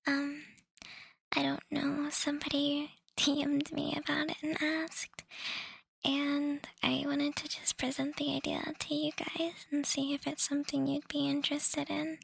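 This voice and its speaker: A young woman whispering softly close to the mic, rambling and apologetic, with many pauses and ums as she updates her listeners. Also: high-pitched, monotone, creaky, no echo, low-quality recording. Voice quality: soft whisper. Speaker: audio creator updating listeners.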